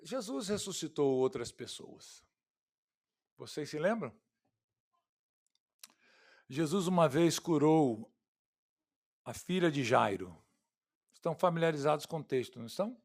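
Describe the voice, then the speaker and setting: A man with a Brazilian Portuguese accent preaching an expository sermon, swinging from loud, emphatic lines to hushed, quiet ones and calling his listeners "queridos" and "irmãos". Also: on the high side, lively intonation, a little slow, pauses often. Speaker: pastor.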